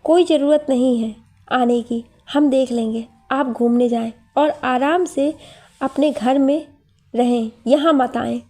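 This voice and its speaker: A woman voicing a sharp-tongued young woman who scolds and mocks the people around her. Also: high voice, a little slow. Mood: bossy. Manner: scolding, mocking.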